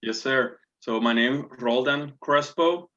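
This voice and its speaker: A navy officer in his forties from Puerto Rico, with a Puerto Rican Spanish accent, answers interview questions as a guest, earnestly and politely, with many fillers and restarts. His mid-range voice has a sharp tone and a slightly slow pace. The audio is dull and lo-fi.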